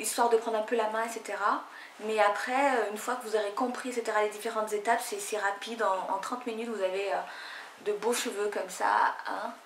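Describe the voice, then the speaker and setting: Her pitch sits a little high with a fairly bright tone, and a faint hiss or hum runs under the echoey room sound. She's a young woman from French Guiana, rambling through a laid-back hair tutorial with plenty of fillers and false starts.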